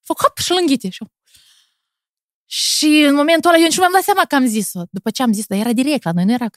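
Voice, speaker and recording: A woman in her thirties, a TV presenter with a Moldovan Romanian accent, telling stories in a lively way with quick laughs and animated pitch jumps. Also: no echo, clean studio sound. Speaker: TV presenter, podcast guest. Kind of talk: casual chat.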